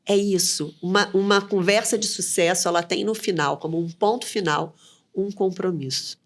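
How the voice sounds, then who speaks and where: A woman's voice: fairly low pitch, normal speed. A woman, a communication mentor being interviewed, who gives advice in short, firm phrases. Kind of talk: conversational podcast interview.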